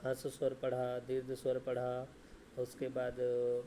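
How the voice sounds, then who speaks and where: A man teaches a grammar lesson, asking questions and answering them himself, often tacking on "ठीक है" and "है ना" and slowly drawing out sounds to demonstrate them. His mid-range voice is mellow and completely flat in delivery, with slight background noise.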